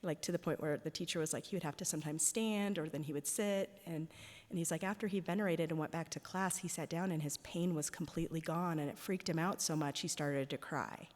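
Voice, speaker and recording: A woman's voice: low voice, fairly quick, darkish tone. A woman speaking at a parish event, telling stories in a chatty way full of "like" and "um". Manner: chatty, with many "like" and "um" fillers. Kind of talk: casual storytelling talk. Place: church. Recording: long reverb of a large hall.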